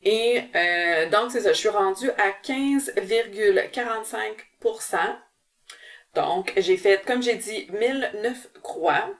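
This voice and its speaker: A woman's voice: medium pitch, slow pace, recorded from a distance. A woman with a Québécois French accent hosting a casual cross-stitch vlog, chatty and full of fillers and restarts. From Quebec, Canada. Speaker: cross-stitch channel host. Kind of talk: casual show-and-tell vlog.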